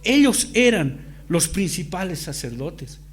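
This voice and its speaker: A man's voice: sits high, very animated, measured pace. A man preaching a sermon, emphatic and fond of repeating phrases for weight. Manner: emphatic, dramatizes quoted dialogue.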